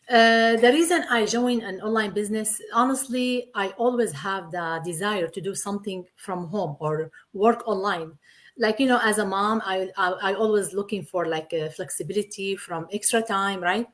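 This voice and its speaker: Guesting on a casual interview, a woman from Syria in her thirties talks earnestly, using simple non-native English that circles back to the same points. She speaks at a normal speed in a mid-range voice.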